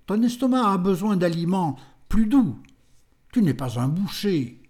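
A man's voice: high voice, big pitch swings, measured pace, darkish tone. A man voicing a solitary prophet in an audiobook, speaking solemnly and declaiming his words. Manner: solemn, declamatory, rising to anger. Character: solitary male prophet, stern yet kindly.

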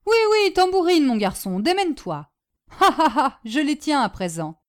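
A woman voicing a domineering, scornful older aunt who scolds and commands in sharp, mocking tones. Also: high voice, very animated, a little fast, pitched above the performer's own voice. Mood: scornful, triumphant.

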